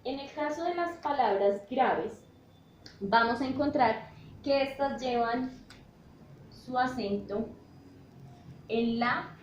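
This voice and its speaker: A woman's voice: a little high, darkish tone, highs cut off. A woman teacher, explaining step by step in a classroom style and checking in with her students often. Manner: checks in with "¿listo?" often, spells out letters. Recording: echoey room with faint noise.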